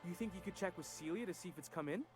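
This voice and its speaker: Actor as a folksy, eager small-town guard. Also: male voice, sits high, racing, music in the background, close to an everyday voice. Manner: folksy, guileless. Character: chipper, simple small-town gate guard, eager to please. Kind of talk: video game character acting.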